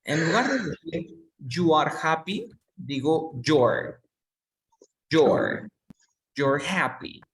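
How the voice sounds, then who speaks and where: English teacher, very slow patient drilling, repeats each word, voice set back from the mic. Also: mid-range voice, very animated, a bit bright, recorded from a distance. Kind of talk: basic English lesson, drilling pronunciation.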